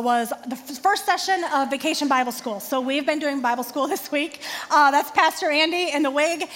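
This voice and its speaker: A woman pastor in her forties giving an animated sermon with self-deprecating humor. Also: high-pitched, long reverb tail.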